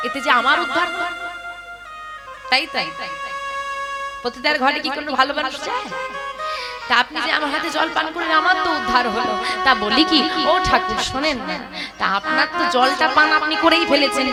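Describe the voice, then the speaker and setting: A woman's voice: high voice, natural voice. Woman playing a coaxing, wheedling courtesan. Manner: wheedling, pleading. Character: sly coaxing courtesan woman, young and beautiful. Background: loud devotional instrumental music.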